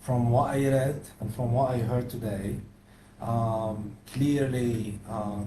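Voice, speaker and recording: Man from Algeria, panel speaker; firm, declarative delivery, warm tone, faint background hiss. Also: mid-range voice. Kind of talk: panel talk. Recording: echoey room, faint noise.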